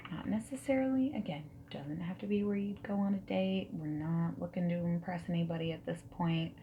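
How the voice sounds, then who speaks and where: In a soft-spoken ASMR roleplay, a woman plays a friendly, curious dating service interviewer, breathy and often slipping into a whisper as she asks questions in a gentle, unhurried, reassuring way. Her lowish voice is lightly acted, with the highs cut off. Keyboard typing, clicks and other background noise can be heard.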